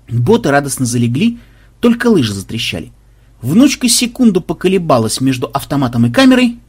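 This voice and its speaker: A man narrating an audiobook in a lively storytelling manner. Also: mid-range voice, husky.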